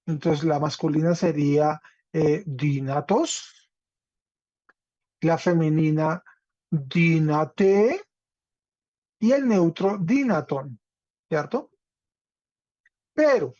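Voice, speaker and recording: Slow, careful man teaching. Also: a little high, darkish tone, no echo. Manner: explanatory, checks in with "¿cierto?". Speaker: Greek teacher. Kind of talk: online class lecture. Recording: dull, dry lo-fi audio.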